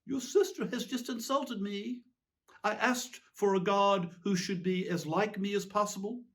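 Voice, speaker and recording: A man playing a petulant, self-justifying tyrant king in a theatrical, pompous, indignant monologue with emphatic pauses. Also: high voice, fairly bright tone. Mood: demanding, petulant. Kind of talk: theatrical dramatic monologue reading.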